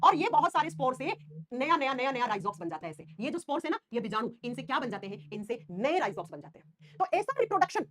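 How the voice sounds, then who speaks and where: Fast, lively woman teacher. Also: high voice. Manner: animated, repeats key terms, calls students beta. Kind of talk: online class lecture.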